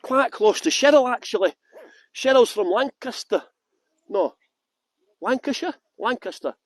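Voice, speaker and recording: Brief: male tour guide from Yorkshire, fairly high voice, chatty and joking, dry close sound, walking outdoors. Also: a little slow, no room sound. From England (West Yorkshire). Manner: chatty, joking, lively asides. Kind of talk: live-streamed walking tour talk. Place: outdoors in large public gardens.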